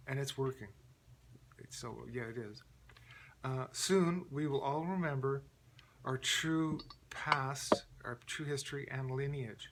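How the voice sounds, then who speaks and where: A man talks to his audience in a loose, unscripted monologue, circling back with restarts and fillers and stopping now and then to clear his throat. His voice sits at an ordinary middle pitch. A faint hiss runs beneath the recording. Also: fairly bright tone. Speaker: channel host. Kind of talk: casual monologue.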